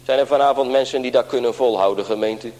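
A man's voice: mid-range voice, quick pace, darkish tone. A man pastor preaching an earnest sermon in a church, often turning to address the congregation directly. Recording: long church reverb.

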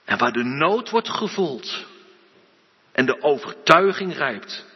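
A man preaching a sermon, slow and earnest, building to emphatic outbursts. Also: on the high side, very animated, breathy edge. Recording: dull lo-fi recording with long church reverb.

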